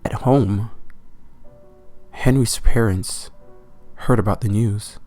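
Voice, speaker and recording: A man with a warm, fairly low voice narrates a comic horror story as a casual, foul-mouthed storyteller, leaning on and drawing out words for emphasis in a profane, informal manner. Faint music plays behind him.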